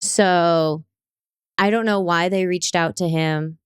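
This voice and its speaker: A young woman co-hosting a podcast, telling restaurant stories in a lively, animated way and acting out the people she quotes. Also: on the low side, takes it slowly, smooth, no room sound, studio quality. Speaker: podcast co-host. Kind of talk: casual chat.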